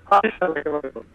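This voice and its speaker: A man calls in to a radio show, and he sounds easygoing and chatty. His fairly high voice comes through a poor phone connection. The line turns his speech robotic, with glitchy jumps in pitch. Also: gravelly. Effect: bad phone line with glitchy robotic pitch jumps. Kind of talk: casual chat. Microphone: phone call.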